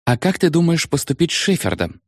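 Casting note: a male reader doing a teasing, inquisitive wife in an audiobook, lifted pitch, dry close sound. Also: big pitch swings, a little fast, slightly rough, dry recording. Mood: wry, probing. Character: woman, wife, wry and probing. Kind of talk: audiobook character voice.

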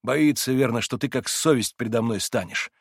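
A man voicing an anguished young man awaiting trial, speaking with urgent, impassioned pleading that climbs toward desperate shouts. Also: medium pitch, moderate pace, gravelly, breathy edge, dry recording, clean studio sound. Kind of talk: audiobook character voice.

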